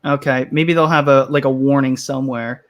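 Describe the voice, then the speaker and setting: A man's voice: mid-range voice, steady tone, normal speed, fairly bright tone. A man hosting a casual online panel chat, rambling a bit and reading viewer comments aloud. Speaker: host.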